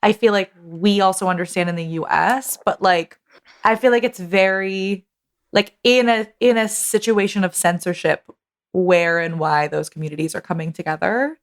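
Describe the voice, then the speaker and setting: A woman's voice: lowish voice, fairly even intonation, normal speed. A woman co-hosting a podcast, talking enthusiastically and rambling a little, with many fillers. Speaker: podcast co-host. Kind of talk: casual podcast chat.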